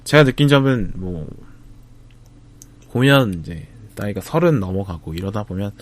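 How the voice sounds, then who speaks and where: A man, talking to camera about a film festival trip in a reflective, casual way, with frequent pauses, fillers and restarts. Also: lowish voice, animated. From Busan, South Korea. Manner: thoughtful, hesitant, many fillers and restarts.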